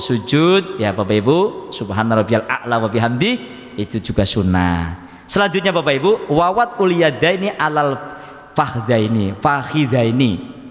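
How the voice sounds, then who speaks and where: A man's voice: on the high side, a bit bright. A man giving a religious lesson at a mosque study group, chatty, often addressing the audience and mimicking regional pronunciations. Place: mosque hall. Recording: echoey mosque hall reverb.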